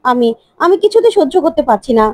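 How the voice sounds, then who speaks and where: A woman's voice: sits high, sing-song, fast, a little mellow, no echo. A woman voicing an older matriarch who pleads tearfully in a retold serial. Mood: pleading. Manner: pleading, emotional.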